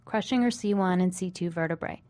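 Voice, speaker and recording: A woman reporter reading a scripted television news narration in a measured storytelling way. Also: lowish voice, darkish tone.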